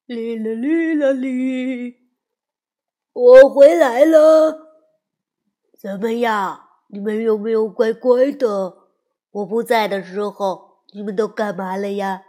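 A woman voicing a cheerful, bossy male pig brother in a storybook reading, loud and sing-song. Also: fairly high pitch, takes it slowly. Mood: cheery.

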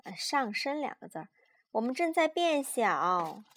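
A young woman reads a picture book aloud to her child at bedtime. Her voice sits a little high, and her storytelling is gentle, patient and animated. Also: unhurried. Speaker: mother reading a bedtime story.

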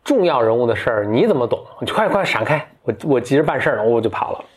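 A man's voice: mid-range voice, big pitch swings, fast talker, slightly rough. An arrogant young prince from a fairy tale, curt and dismissive, as a man puts him on. Told close to the teller's own voice, as in a storybook read aloud. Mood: haughty.

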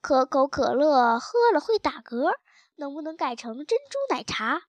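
A sly old storybook mouse, put on by a woman reader, drawling slowly and smugly in a high voice. The sound is dry and close. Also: big pitch swings, no echo. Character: cunning shameless old male mouse.

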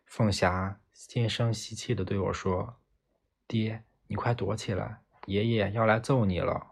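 A man narrates a novel in the first person with a low, husky voice. His reading is steady and plain, like a calm audiobook narrator.

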